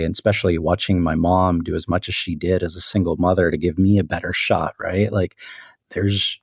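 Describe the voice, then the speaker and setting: A man, a company CEO, giving measured and reflective interview answers, often saying "frankly" and "right?". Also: low-pitched, darkish tone, slightly rough, no echo, clean studio sound. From United States.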